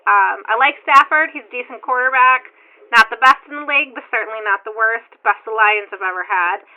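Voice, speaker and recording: A woman's voice: fairly high pitch, brisk. A woman phoning in to a sports talk show as a caller, speaking a little hesitantly with frequent "um" fillers over a phone line.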